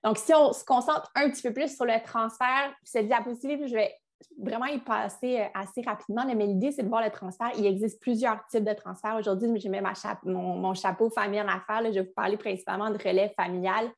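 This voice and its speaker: A young woman with a Quebec French accent presents a business webinar over a video call as a business succession advisor. She talks conversationally, with frequent restarts and fillers, in a brisk, fairly even medium-pitched voice with vocal fry.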